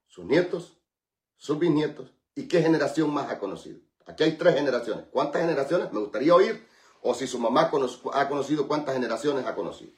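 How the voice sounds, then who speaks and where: The pastor of a radio prayer program speaks at medium pitch in a reverberant space. He alternates between fervent praying full of repeated invocations and relaxed, joking conversation with listeners.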